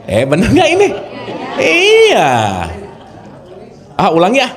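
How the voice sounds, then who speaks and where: A man leads an informal spiritual lecture a high, bouncing voice. He keeps it chatty, quizzes his listeners and laughs easily, a light touch. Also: sing-song, measured pace, a faint crowd. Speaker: spiritual teacher. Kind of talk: informal religious lecture to an audience.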